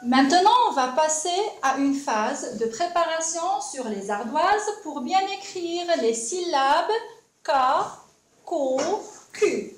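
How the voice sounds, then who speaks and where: Lively slow-speaking woman teacher, roomy echo. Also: high voice. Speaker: primary school teacher. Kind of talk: classroom lesson for young children. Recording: echoey room, voice from a distance.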